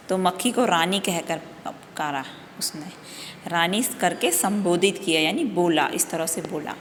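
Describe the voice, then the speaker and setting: A woman's voice: mid-range voice, a bit bright, long reverb tail, a little hiss or hum. A woman teacher patiently explaining a worksheet to young children, asking questions and answering them herself, often checking in with "okay".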